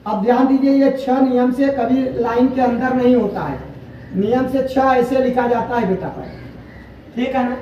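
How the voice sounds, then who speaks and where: A man teaching a Hindi spelling lesson, drilling each word slowly and calling his students "beta log". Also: extremely high pitch. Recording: far-off echoey dull room sound with faint noise.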